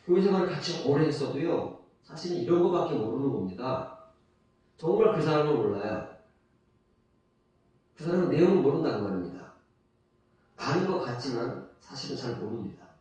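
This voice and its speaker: A man's voice: mid-range voice, lively intonation, a little fast, pauses often, a little mellow. A man preaching a sermon as a pastor, emphatic, repeating key phrases and asking rhetorical questions. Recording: distant mic, very echoey church hall.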